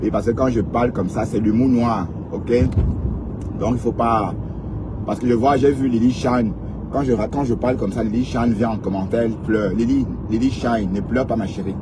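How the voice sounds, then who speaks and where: A man's voice: medium pitch, steady tone, moderate pace. A man chatting casually to live-stream viewers, teasing and joking, repeating words and tagging his lines with little asides. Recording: outdoor mic with loud street noise. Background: passing cars and street noise.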